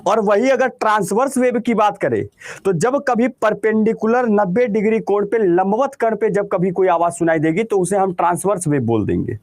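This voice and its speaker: A man's voice: high voice, expressive, normal speed, darkish tone, no echo, studio quality. A man with a Bihari Hindi accent teaching a class, who keeps asking questions and answering them himself. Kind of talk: classroom lecture.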